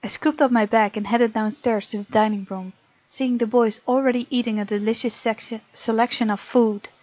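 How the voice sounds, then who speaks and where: A woman hosting a let's play reads game text aloud and chats casually while reacting to the story. Her voice is on the high side, fairly even in intonation, moderate in pace, and darkish, captured on a muffled lo-fi mic over game music.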